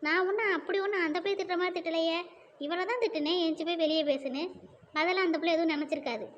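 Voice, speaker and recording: A woman voicing a defiant, sharp-tongued younger sister in a cartoon. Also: very high-pitched, racing, highs cut off, slight background noise. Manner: mocking, defiant. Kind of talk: cartoon voice acting.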